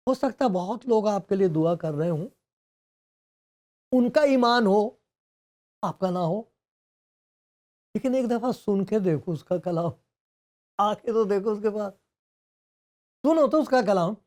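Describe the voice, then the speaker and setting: A man's voice: sits high, lively intonation, long pauses, a little mellow. A male pastor preaching a conversational sermon, asking many rhetorical questions and acting out the voices of people in the story. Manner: acts out the speech of people in the story.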